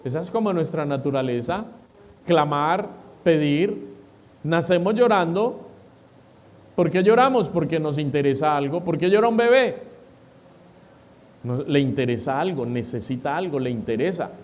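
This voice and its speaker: A man preaches a sermon in a fairly high voice. He keeps asking the congregation questions and answering them himself. The recording is dull and lo-fi. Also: animated, moderate pace, long pauses. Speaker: pastor.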